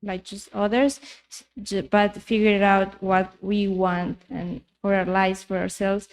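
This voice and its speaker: A woman's voice: mid-range voice, little pitch movement, takes it slowly. A woman working as a live interpreter, relaying a talk a passage at a time.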